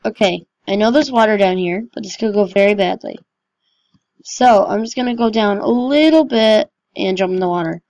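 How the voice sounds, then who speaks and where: A woman's voice: mid-range voice, moderate pace, darkish tone, no echo, low-quality recording. A woman giving casual, chatty and self-mocking commentary over her own gameplay as a gaming channel host.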